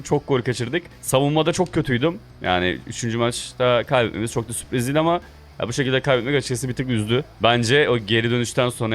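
Excitable young man yelling over gameplay. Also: medium pitch. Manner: excitable, shouts and yells at his players. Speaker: gaming video host. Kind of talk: live gameplay commentary.

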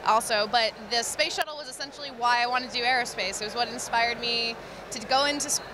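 A woman's voice: on the high side, fast talker, noisy background. A young woman in her twenties, cheerful, answering interview questions in a busy indoor gym. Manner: bright, cheerful. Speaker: graduate being interviewed. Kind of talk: casual interview.

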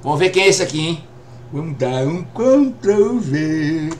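High-voiced, chatty Brazilian man in his 50s. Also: sing-song, a little slow, slight background noise. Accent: Brazilian Portuguese. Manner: chatty and jokey, keeps repeating "rapaz". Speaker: game streamer. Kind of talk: live gameplay stream chat.

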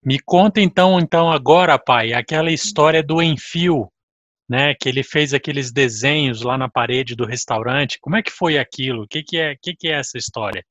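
A man's voice: mid-range voice, brisk, a bit bright, dry recording, muffled recording. A middle-aged man from interviewing his father over a video call, friendly and prompting with questions. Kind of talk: casual family interview. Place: home room with pictures on wall, indoors.

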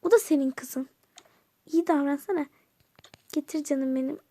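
Woman plays a sweet fussing aunt in a toy-game story, very high voice, calls everyone dear. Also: steady tone, normal speed, background noise. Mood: fond. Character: kind caring aunt, middle-aged woman. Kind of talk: toy game role-play voice-over.

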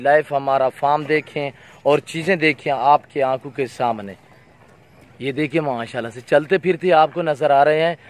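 Man pitching goats at a farm pen. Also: a little hiss or hum. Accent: Pakistani Urdu, Saraiki region. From Pakistan. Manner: repetitive, pitching, peppered with religious phrases. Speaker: goat farm owner and seller. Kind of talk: off-camera sales walkthrough of livestock. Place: outdoor goat pens on a farm.

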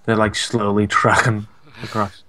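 A young man with a Scouse accent chatting casually while playing a co-op strategy game, relaxed and hesitant, with many fillers. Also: fairly low pitch, unhurried, very noisy. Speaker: co-op gameplay commentator. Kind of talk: casual gaming chat.

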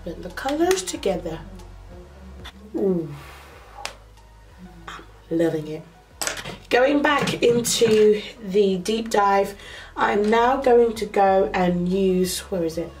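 Music runs in the background while a young woman, nasal from a cold, gives a makeup tutorial in her mid-range voice. She's a vlogger in her small bedroom, speaking slowly and chattily with fillers, the camera close up to her face.

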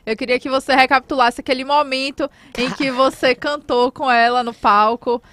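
A woman interviewer with a fairly high voice keeps the conversation casual. She asks questions and encourages her guest with short, friendly remarks. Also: fairly even intonation, moderate pace, fairly bright tone, slight background noise.

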